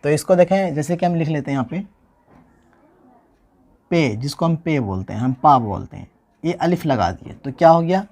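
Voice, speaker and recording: A man hosting his own channel, giving an informal spoken lesson, explaining step by step and slowly repeating spelled-out letters. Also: fairly high pitch, animated, darkish tone. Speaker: teacher and channel host.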